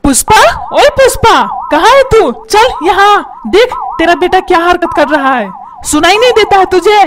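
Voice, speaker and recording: एक महिला कार्टून में चिड़चिड़े, चिल्लाने वाले अधेड़ पिता की आवाज़ दे रही है, जो डांटता है और ताने मारता है।. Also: female voice, extremely high pitch, a little fast, noisy background. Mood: scolding. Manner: shouts and scolds, calls names. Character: grumpy shouting cartoon father, middle-aged man. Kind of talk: comedy cartoon dubbing.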